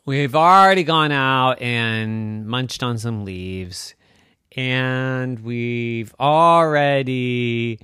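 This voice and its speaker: A man voicing an excitable young male stegosaurus in a bedtime story, talking in eager, high, breathless bursts. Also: smooth, no room sound, clean studio sound. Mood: chatty.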